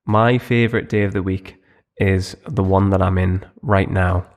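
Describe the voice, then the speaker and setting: Deep-voiced man chatting casually. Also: moderate pace. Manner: relaxed, rambling with fillers and restarts. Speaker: podcast co-host. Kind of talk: casual chat.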